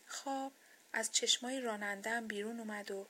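A woman reads a children's bedtime story in a soft, expressive way. Her voice is husky and sits somewhat high. The delivery is gentle.

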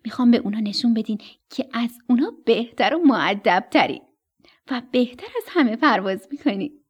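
A woman's voice: a little high, lively intonation, slightly rough, dull audio. A woman telling a children's bedtime story on the radio in a tender voice that sometimes drops to a whisper.

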